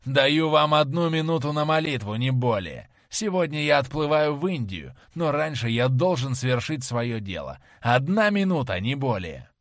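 A man reading a vengeful young sailor in an audiobook, speaking slowly and heavily. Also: mid-range voice, expressive, no room sound, clean studio sound, close to an everyday voice. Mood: shouting. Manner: slow, heavy and menacing. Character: vengeful rough young sailor, grim and threatening.

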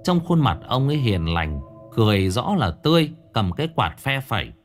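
A man narrating a ghost story in a dramatic, animated storytelling manner. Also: medium pitch, moderate pace, soft background music.

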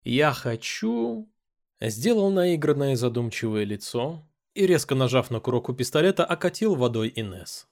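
A man narrating an audiobook in the first person. His reading is expressive, and he slips into dialogue with a playful, teasing tone. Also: mid-range voice, moderate pace, hardly any pauses.

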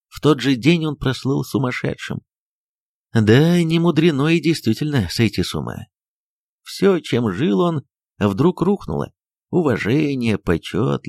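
A man narrating a novel as an audiobook, reading in an expressive, dramatic storytelling manner. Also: mid-range voice, creaky, no echo, studio quality.

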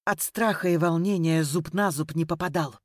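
A woman's voice: sits low, normal speed, no room sound, studio quality. A woman narrating an audiobook in a dramatic, emotive reading style.

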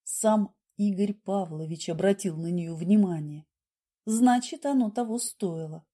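A woman narrating an audiobook in an expressive reading style. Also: medium pitch, unhurried, breathy edge.

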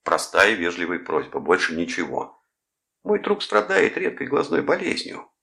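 A man's voice: sits low, huge pitch swings, normal speed, vocal fry, pushed and bright, heavily acted. A man voicing a cocky teenage boy who taunts a soldier with mock-formal politeness. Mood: sly. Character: cocky teen male prankster, mocking.

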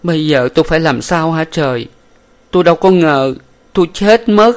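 A man's voice: a little high, moderate pace, voice pushed up, lightly acted. A man doing a tearful pleading young woman. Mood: distraught. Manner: pleading, sobbing. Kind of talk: audiobook character voice.

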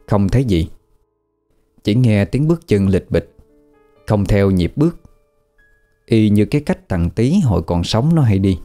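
A man narrating a ghost story in a steady storytelling manner. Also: lowish voice, unhurried, pauses often, soft background music.

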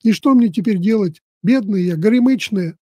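A fretful, jealous young wife from a storybook, voiced by a man, who scolds in a shrill, raised voice and turns to tearful pleading. The voice sits high with a soft, mellow tone. The recording is dry and close. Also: normal speed, husky, no echo.

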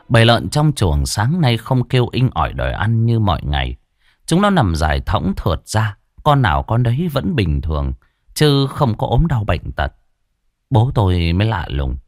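A man telling a ghost story in a dramatic, expressive way. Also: fairly low pitch, no echo. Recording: dry close studio voice.

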